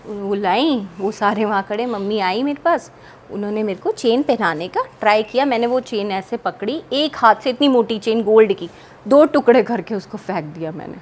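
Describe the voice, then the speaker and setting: A young woman telling an interviewer about a personal paranormal experience, animated and vivid, acting out what others said. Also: mid-range voice, moderate pace, slight background noise. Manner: animated, vivid storytelling with quoted dialogue. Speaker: guest.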